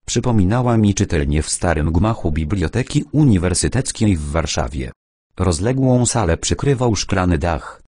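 A man narrates an audiobook with a very low, husky voice. His reading moves in lively swings of pitch, and the recording is close and completely dry. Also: normal speed, dry recording.

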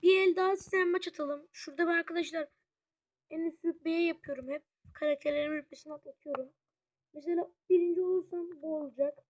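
A gaming YouTuber giving casual gameplay commentary, chatty and excitable, constantly talking straight to the viewers as friends. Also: very high voice, fast. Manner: excitable, reacting out loud to the match.

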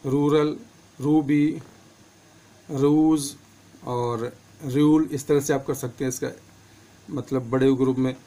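A man's voice: medium pitch, a little mellow. A man teaching English pronunciation and spelling, listing words one by one with their meanings. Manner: slow, patient, lists words with meanings.

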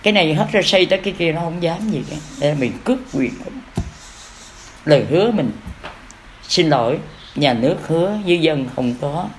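A woman's voice: sits low, animated, normal speed, a little hiss or hum. A woman with a Southern Vietnamese accent giving an impromptu dharma talk as a lay preacher, in a folksy way, asking rhetorical questions and acting out little everyday exchanges.

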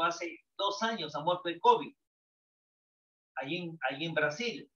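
A man's voice: high-pitched, bright, forceful tone. An older man, teaching a psychology class and asking and answering his own questions. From Peru. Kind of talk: lecture to students. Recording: echoey, distant, dull lo-fi sound.

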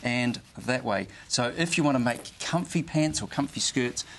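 A man's voice: medium pitch, moderate pace, slight background noise. A man with a New Zealand accent, a fabric retailer, giving a casual, enthusiastic sales presentation.

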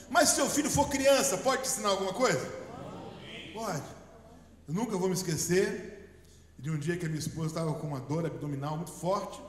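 A middle-aged man from Brazil with a Brazilian Portuguese accent, preaching a lively sermon as pastor and leading the congregation in call-and-response. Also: high voice. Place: large church hall. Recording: echoey church hall.

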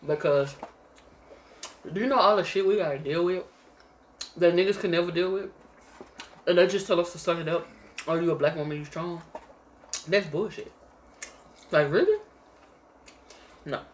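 A woman's voice: lowish voice, normal speed, pauses often, slight background noise. A woman co-hosting a casual couple's chat while eating, speaking bluntly and directly. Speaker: co-host.

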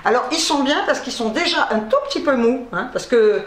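A woman's voice: high-pitched, expressive, fairly quick. A woman chatting casually about her grocery haul, joking and laughing often between filler words. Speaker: vlogger. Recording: echoey room, faint noise.

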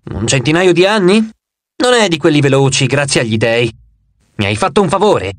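Man voicing a tired old-soul cowherd, low slow drawl, dry audiobook sound. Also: sing-song, no room sound. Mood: weary. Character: weary immortal cowherd, resigned and drawling.

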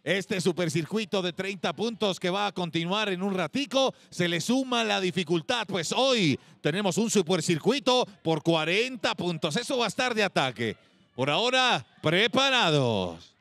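A man hosting a competition show, commenting in an animated, exclaiming way. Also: high voice, normal speed, no room sound, faint music behind. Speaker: host.

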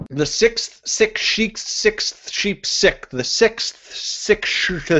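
Very animated young man with highish voice. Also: lo-fi sound. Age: young adult. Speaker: vlogger. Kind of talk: tongue-twister challenge to camera. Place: living room, indoors. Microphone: webcam at desk distance.

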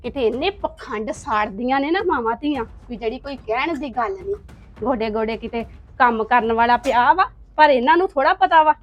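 A woman's voice: a little high, animated, fairly quick, highs cut off, close to an everyday voice. A woman playing a resentful sister-in-law who mutters bitter, scornful complaints. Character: spiteful resentful sister-in-law, grudging and sharp-tongued. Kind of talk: family drama acting.

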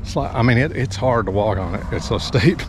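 With his action camera at arm's length, a middle-aged lawn care worker vlogs his walk through a hotel parking lot and over the slopes. He talks casually and haltingly in an animated, medium-pitched voice, while traffic makes the outdoor audio noisy.

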